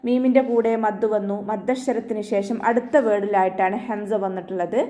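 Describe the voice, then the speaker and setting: A woman teaching Quran recitation in an online tajweed lesson, explaining each rule patiently and chanting the verses slowly in a higher, drawn-out voice. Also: fairly even intonation. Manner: patient step-by-step instruction, softly ending phrases with "ട്ടോ".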